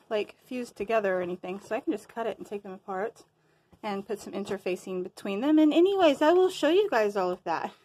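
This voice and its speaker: A woman's voice: medium pitch, darkish tone. A woman talking casually to her viewers in a crafting show-and-tell, a bit winded and rambling, losing her train of thought now and then. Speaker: crafting vlogger.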